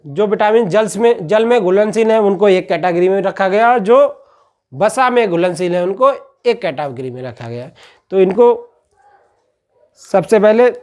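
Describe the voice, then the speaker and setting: A man's voice: high-pitched, a little mellow. A man teaching a class, who poses questions, answers them himself and keeps checking in with "okay" after each point. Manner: patient, repetitive explaining. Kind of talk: classroom-style lecture.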